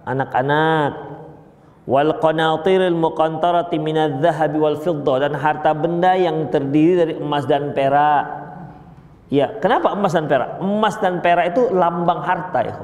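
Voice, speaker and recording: A man preaching a sermon to a group of brothers, lively and joking as he explains a verse. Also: fairly high pitch. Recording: echoey hall.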